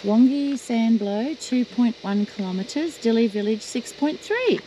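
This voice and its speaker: A chatty Australian travel vlogger tours outdoors, driving along the beach and walking bush tracks while pointing out sights and laughing often. Her voice is a little high, animated, and unhurried. The outdoor video has noticeable background noise.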